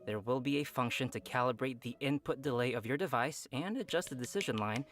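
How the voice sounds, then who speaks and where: A male program host reads a scripted event announcement for a game update show, adding upbeat, playful asides. His mid-range voice is a bit bright and fairly quick.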